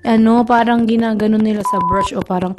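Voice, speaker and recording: A woman from the Philippines, chatting excitedly in a casual vlog, mixing English and Tagalog, on a cheap lapel mic by a window. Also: on the high side, brisk, noisy background. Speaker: vlogger. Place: indoors by a window. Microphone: cheap clip-on lapel mic.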